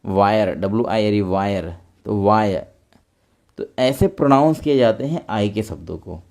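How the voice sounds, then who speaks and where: A man's voice: fairly low pitch, expressive, moderate pace, warm tone. A young man patiently explaining English pronunciation step by step, speaking as a teacher in a lesson.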